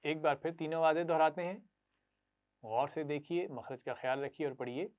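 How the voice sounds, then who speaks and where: A man's voice: a little high, steady tone. Patient male Quran-reading teacher. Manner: patient, repeats syllables slowly for pupils to echo; frequent praise. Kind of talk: classroom lesson to children. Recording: tinny phone-like sound.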